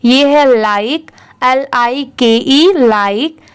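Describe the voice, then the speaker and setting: A woman's voice: high voice, clean tone. A woman teaching English reading, spelling words out letter by letter and asking and answering her own questions. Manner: reads English text word by word, very slowly. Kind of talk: slow spelled-out reading lesson.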